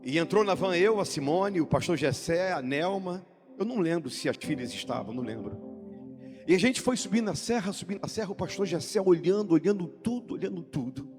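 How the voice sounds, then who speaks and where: High-voiced preacher man. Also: lively intonation, a little fast. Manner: dramatic preaching, swinging between loud, high sung phrases and hushed low storytelling. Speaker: pastor. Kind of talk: sermon. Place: church sanctuary. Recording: long church-hall reverb with music behind.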